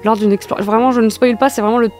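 A woman's voice: a little high, fast talker, soft background music. A woman guest on a French talk show, chatting casually about a video game with frequent fillers. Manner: relaxed, hesitant with fillers, explaining. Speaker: guest gamer.

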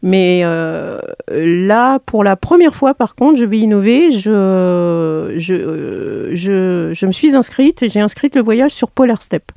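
A woman's voice: medium pitch, animated, slow, gravelly, few pauses, warm tone, no room sound, studio quality. A woman teacher being interviewed about a school trip, talking with many fillers and restarts. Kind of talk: radio interview.

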